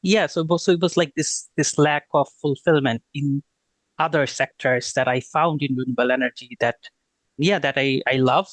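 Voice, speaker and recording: He's a Bangladeshi man in his thirties, a renewable energy consultant appearing as an interview guest, whose mid-range voice holds a steady tone at normal speed. The talk is casual and peppered with fillers and restarts, and there's no echo.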